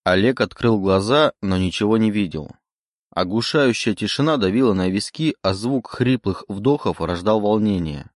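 Brief: low-voiced male audiobook narrator, measured, dry. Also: lively intonation, dry recording. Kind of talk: scripted narration.

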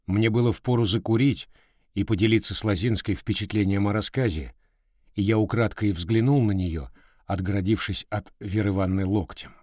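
A man reading a children's story aloud in an expressive storytelling manner. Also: fairly low pitch, moderate pace, no room sound, studio quality. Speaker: reader.

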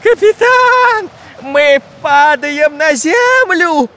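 Brief: squealing cowardly spy, very high voice, slow drawn-out wails. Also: male voice, very animated, full character voice. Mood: scared. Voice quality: shrill, squealing. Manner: drawn-out wailing shouts. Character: shrill cowardly long-nosed male spy.

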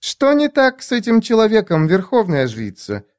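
A man voicing a haughty, sharp-tongued noblewoman sorceress who talks in a slow, mocking drawl. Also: sits high, huge pitch swings, voice pushed up. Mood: weary.

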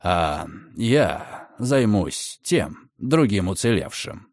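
A man voicing a sly, mocking gentleman who speaks in a low, quiet drawl. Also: very animated, drawn-out words, dry recording, studio quality, exaggerated voice. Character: mocking, menacing grown gentleman, sly and cold.

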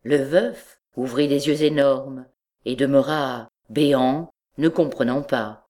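A woman reading a classic story aloud as an audiobook, in measured narration. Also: rumbling low, fairly even intonation, dark tone. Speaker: audiobook reader.

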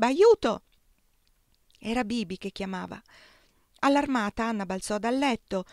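A woman narrating a novel as an audiobook reader, in a steady, measured way. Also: mid-range voice, dry recording, studio quality.

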